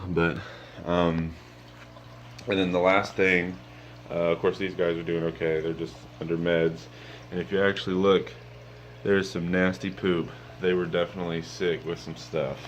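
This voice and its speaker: The recording is muffled with a faint hiss or hum as a young man, low-voiced and just out of bed, wanders past his fish tanks with a phone in hand. His casual vlog walkthrough is loose and rambling, packed with ums.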